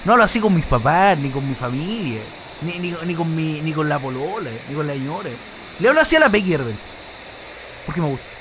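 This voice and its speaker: A man's voice: on the high side, big pitch swings, fairly quick, noisy background. A young Chilean man streaming live, chatting casually with heavy crude slang and a put-on exaggerated internet voice. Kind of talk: casual livestream reaction chat.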